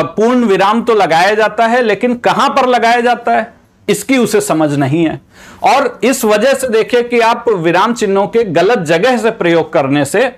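High-voiced man giving a Hindi-medium lecture. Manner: explanatory, repeats and rephrases points. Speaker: teacher. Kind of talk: exam-prep lecture.

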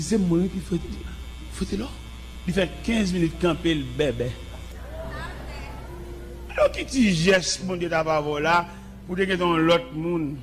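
Man, sermon, high pitch, impassioned with shouts, faint music behind. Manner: impassioned, rising to shouts and short sung lines. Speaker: preacher.

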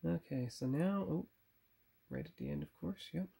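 A man's voice: fairly high pitch, huge pitch swings, normal speed, creaky, mellow, breathy edge. A man casually talking viewers through his model painting, thinking aloud and correcting himself, recorded on a phone camera at a workbench. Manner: chatty, self-correcting, talks to viewers while working. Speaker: model builder and channel host. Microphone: phone camera on a tripod.

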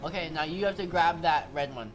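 A young man hosting a co-op game session, excitedly coaching his partner with quick repeated commands. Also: on the high side. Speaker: gaming host. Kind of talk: casual co-op gameplay chat. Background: game music.

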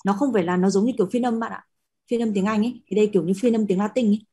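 A young woman teaches a class Latin spelling in a husky, dark-toned voice of medium pitch, racing through the lesson. She stays patient, uses plenty of fillers, and keeps asking whether students are following.

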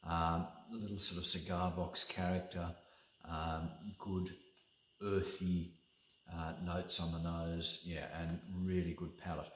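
A man's voice: deep voice, level tone, slow, slight background noise. A middle-aged man, a winemaker, leading a casual wine tasting with an enthusiastic, rambling delivery full of fillers. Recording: echoey room.

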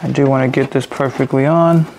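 Talking at a slightly fast clip in a steady, mid-range voice, a young man explains the DIY car repair he's doing in casual hands-on narration. He keeps it relaxed, dropping the occasional swear, and there's noise in the background.

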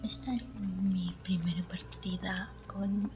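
A woman speaks slowly in a steady, mid-range voice on dull audio, murmuring to herself and tossing in English interjections. As a gaming channel host, she's casually commentating on a horror game, and game ambience makes the recording noticeably noisy.

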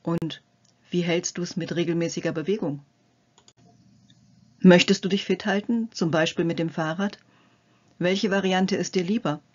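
A woman's voice: lowish voice, moderate pace, pauses often, dull audio. Friendly older woman health coach. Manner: friendly, addressing the viewer directly, gently playful. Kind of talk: scripted narration to camera.

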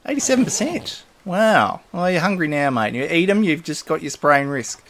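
While he plays a survival game, this man, a gaming video host, rambles casually, mumbling the names of items and chuckling to himself. His fairly high voice is a bit bright with lively intonation at a moderate pace, over slight hiss or hum.

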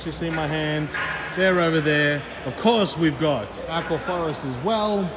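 Upbeat man touring an expo hall. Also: fairly high pitch. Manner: upbeat, chatty, fast run-through of booths. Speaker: aquarium vlogger. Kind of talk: walkaround vlog. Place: large indoor expo hall. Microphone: handheld camera on gimbal. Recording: noisy hall with background chatter.

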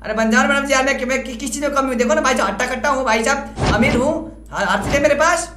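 Young guy gaming streamer, high voice, fast teasing banter, echoey room with music playing. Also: noisy background.

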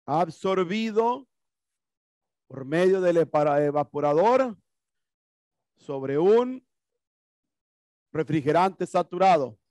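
In a classroom with a whiteboard and HVAC equipment, a man in his thirties lectures on HVAC through a headset mic, explaining and posing questions he then answers himself. His fairly high-pitched voice is animated yet slow, with long pauses and a darkish tone. There's no room sound.

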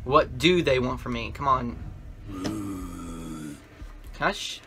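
A man's voice: medium pitch, takes it slowly. A young man giving casual commentary on a horror game, thinking aloud to himself as he plays. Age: young adult. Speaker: gamer playing a horror game with facecam.

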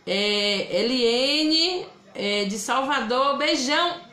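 Very slow yet expressive, her high voice comes across pushed and bright. She's from Bahia, speaking with a Bahian Brazilian Portuguese accent while hosting a casual live craft demonstration, chatting, greeting viewers by name and reading their comments. Sound is roomy and echoing.

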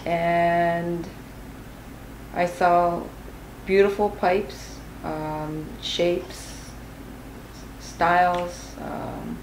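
A woman's voice: on the low side, level tone, drawn-out words, long pauses, darkish tone. A woman guest in a casual interview, talking hesitantly with a pipe in her mouth. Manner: hesitant, many fillers. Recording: echoey room with noise.

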